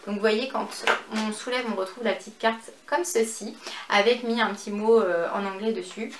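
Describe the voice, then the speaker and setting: A French woman chatting through a fashion and beauty haul at home, with many fillers and a slow pace over each item. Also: mid-range voice, steady tone. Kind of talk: casual haul vlog. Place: home office and makeup room. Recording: echoey room, faint background noise.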